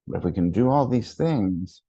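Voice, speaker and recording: A man giving a lesson to teachers, speaking deliberately and repeating key words for emphasis. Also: lowish voice, lively intonation, warm tone, breathy edge, no room sound, dull audio. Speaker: education consultant.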